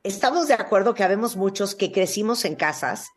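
A woman with a Mexican accent hosting a casual talk show, lively and animated, with faint music behind. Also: medium pitch, a little fast, breathy edge. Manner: lively, animated, jumps into loud imitations. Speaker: radio host.

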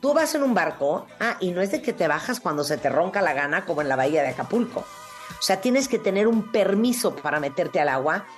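Mexican female radio host, animated casual chat, slightly higher energy, faint music bed. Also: a little fast. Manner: lively, animated, jumps into loud imitations. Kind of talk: casual talk show chat.

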